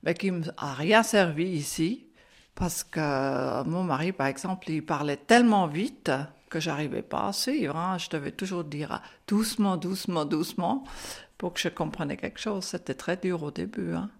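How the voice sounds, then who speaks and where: A woman's voice: fairly low pitch, normal speed, gravelly. An older woman who grew up speaking Swiss German, telling her life story in a chatty way with a Swiss German accent in French. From German-speaking Switzerland. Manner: chatty, frequent "hein" and "euh", laughs often. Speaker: interviewee. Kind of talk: recalled life story in conversation.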